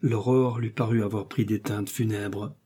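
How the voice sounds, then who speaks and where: A man reading a novel aloud as audiobook narration, in a measured, even way. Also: fairly low pitch, husky.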